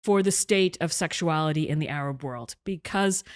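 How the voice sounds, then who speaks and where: This middle-aged woman has a deep voice and a moderate pace. As an author and journalist being interviewed, she explains her thinking at length and articulately, with the odd restart; she is half Egyptian, half British, and was raised in Canada.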